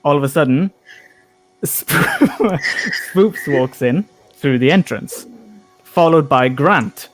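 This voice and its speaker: A man narrating a tabletop game as game master in a casual, improvised, halting way. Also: a little high, animated, faint music behind, low-quality recording.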